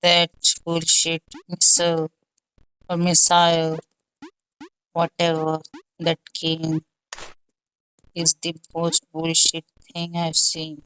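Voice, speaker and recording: A woman's voice: low voice, completely flat delivery, takes it slowly, long pauses, fairly bright tone, slight background noise, rough recording. A young woman hosting a gaming channel, thinking aloud through gameplay commentary in a muttering, exasperated way.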